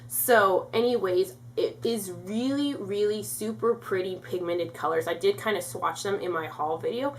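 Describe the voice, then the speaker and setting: A woman's voice: mid-range voice, moderate pace, hardly any pauses, a little hiss or hum. Congested chatty young woman vlogger. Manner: chatty, lots of "like" fillers. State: congested and out of breath. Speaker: beauty vlogger. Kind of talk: casual product review.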